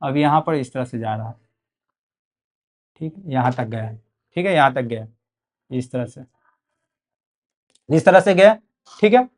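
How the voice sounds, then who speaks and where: A man's voice: mid-range voice, expressive, a little slow, long pauses. A young man with a Bihari Hindi accent teaching a board exam physics lesson, repeating key terms and checking in often with "okay". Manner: repetitive, drills key words, frequent "ठीक है".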